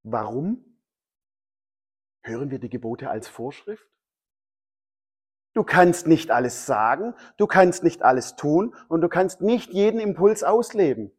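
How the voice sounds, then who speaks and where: Male pastor, mid-high voice, emphatic sermon delivery with repetition. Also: lively intonation, measured pace, long pauses, slightly rough. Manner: emphatic, repeats key phrases.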